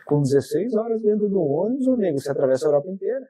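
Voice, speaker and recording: A man with a southern Brazilian accent chats as a podcast guest, telling stories in a lively, animated way. His voice sits a little high but sounds soft and mellow. The recording is dry and close. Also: rapid-fire, breathy edge, no room sound. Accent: southern Brazilian Portuguese. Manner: talkative, animated storytelling. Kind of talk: casual interview chat.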